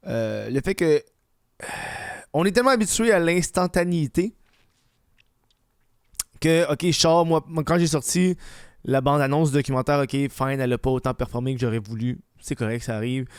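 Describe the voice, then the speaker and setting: A man's voice: mid-range voice, clean tone, no room sound, clean studio sound. A man with a Quebec French accent and a slushy lisp on his s, rambling casually and slangily as he hosts a comedic solo podcast. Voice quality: lisp, slushy s from dental aligners. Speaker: podcast host.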